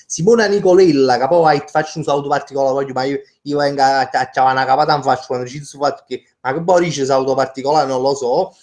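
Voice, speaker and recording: Chatty Neapolitan man greeting viewers. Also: mid-range voice. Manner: chatty, rambling, joking, reads out viewer names. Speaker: live-stream host. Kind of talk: casual live-stream chat.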